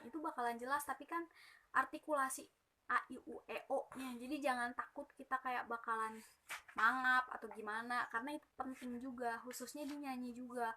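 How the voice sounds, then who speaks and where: A woman's voice: a little high, pushed and bright. A young woman giving casual, chatty tips on singing technique, with plenty of fillers. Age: young adult. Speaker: student presenter.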